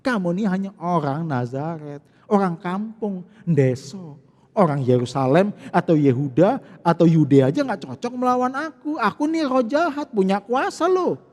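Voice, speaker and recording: A man voicing a sly evil spirit that taunts and wheedles in a hushed, slangy with a tinge. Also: lively intonation, normal speed. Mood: mocking. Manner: mocking, slangy, drops his voice low and soft. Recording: long church reverb.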